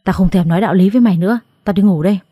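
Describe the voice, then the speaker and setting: A woman voicing an angry, bullying older father-in-law, who scolds in fast barks. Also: medium pitch, warm tone, no echo, natural voice. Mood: angry scolding.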